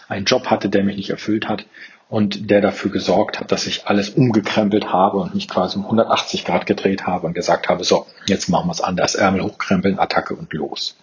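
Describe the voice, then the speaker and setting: A man, a purpose coach, talking straight to his listener about a personal turning point, often restarting and repeating words. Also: low-pitched. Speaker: purpose coach and podcast host. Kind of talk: reflective monologue to the listener. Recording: dull lo-fi sound.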